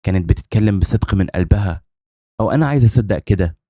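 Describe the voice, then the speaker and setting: A man's voice: fairly low pitch, animated, racing, warm tone, dry recording, studio quality. A man with an Egyptian accent narrating a dramatic first-person story, intense and brooding. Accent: Egyptian Arabic.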